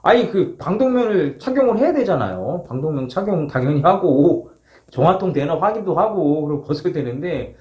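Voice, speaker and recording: A man's voice: fairly high pitch, a little fast. A man casually telling a first-person story as a former marine, acting out moments with polite formal sentence endings. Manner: animated, acts out shouts, polite formal endings. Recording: roomy, echoing sound.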